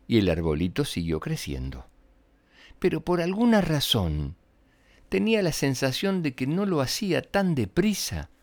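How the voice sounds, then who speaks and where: Low-voiced man telling stories for children. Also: a little mellow. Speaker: children's storyteller and show host. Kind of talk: greetings to young listeners and scripted storytelling. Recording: roomy echo with music behind. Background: music.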